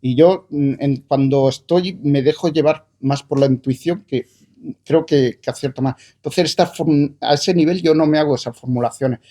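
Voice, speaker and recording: Hesitant, thoughtful man with a mellow voice. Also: on the high side, moderate pace. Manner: hesitant, thoughtful, many fillers and restarts. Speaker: author presenting his book. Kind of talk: conversational book presentation talk.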